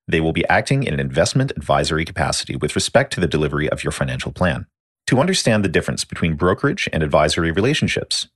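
A man delivers a fast, scripted legal disclaimer in a very low voice. His pitch moves up and down a lot as he speeds through the formal wording, recorded dry. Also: dry recording. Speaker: disclaimer announcer.

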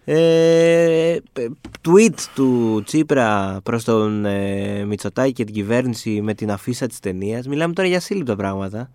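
A man's voice: medium pitch, a little mellow, no room sound. A man co-hosting a podcast in a small studio, chatting casually with wry, weary exasperation. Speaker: podcast co-host. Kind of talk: casual chat.

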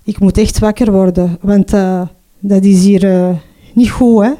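A middle-aged Flemish woman giving a personal testimony in an earnest, halting way, often ending with a questioning tag. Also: medium pitch, fairly even intonation, warm tone. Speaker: mother telling her story.

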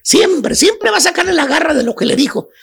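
A man's voice: very high-pitched, animated, a little fast, vocal fry, a bit bright, full character voice. A man with a Mexican accent playing a preachy, know-it-all love advisor on a comedy radio show, teasing and full of slang. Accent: Mexican Spanish. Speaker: comic radio host.

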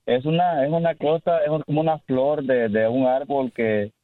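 A man from El Salvador with a Salvadoran accent, calling a radio show and joking playfully with halting restarts. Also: mid-range voice, steady tone, dry recording. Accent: Salvadoran Spanish. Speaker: radio caller. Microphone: phone. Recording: tinny phone line.

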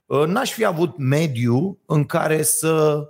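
A man's voice: on the high side, animated, gravelly, darkish tone. A man hosting a casual podcast chat, hesitating often with fillers and retelling stories animatedly. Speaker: podcast host.

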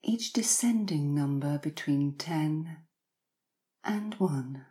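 A woman guiding hypnotic relaxation in a slow, soothing countdown manner, soft and breathy with long pauses, often sinking to a near-whisper. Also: low-pitched, lively intonation.

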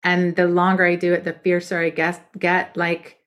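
Frank, lowish-voiced woman book coach. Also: monotone, moderate pace, fairly bright tone. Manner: emphatic and direct, frank about method. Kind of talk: casual podcast conversation.

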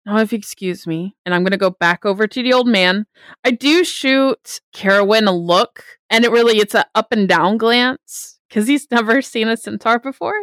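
A woman's voice: fairly high pitch, moderate pace, fairly bright tone, no echo. Woman narrating her character, dry sound. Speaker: player. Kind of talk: tabletop role-play chat.

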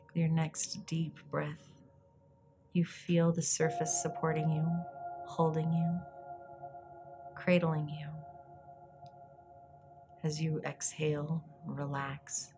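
A woman with a low voice leads a guided meditation over music. Her delivery is soft, breathy and soothing, moving very slowly and leaving long pauses between phrases. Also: flat delivery. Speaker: guided meditation podcast host.

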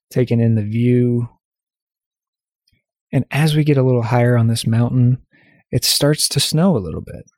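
A man leads a guided visualization in a calm, gentle voice, speaking straight to the listener and letting his phrases rest between pauses. His pitch sits in an ordinary middle range, and the recording is dry and close, with no room sound around him. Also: no echo. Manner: calm, gentle second-person storytelling with pauses. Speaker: meditation guide.

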